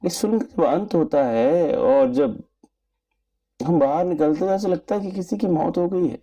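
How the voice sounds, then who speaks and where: A man giving an earnest, measured spoken movie review in formal wording. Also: on the high side, warm tone, muffled recording. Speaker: film reviewer.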